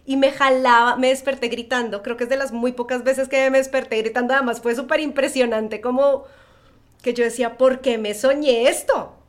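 A woman co-hosting a casual podcast. Her voice sits a little above the usual pitch, and she tells stories with plenty of "like" fillers and vivid expression. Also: brisk. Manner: expressive storyteller, many filler phrases. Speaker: podcast co-host.

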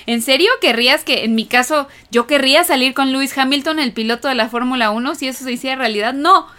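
A woman co-hosting a relaxed podcast conversation. Her voice is a touch high, and she muses aloud, stringing thoughts together with filler words. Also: quick pace. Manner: chatty, thinks aloud with fillers. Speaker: podcast co-host. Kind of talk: casual podcast chat.

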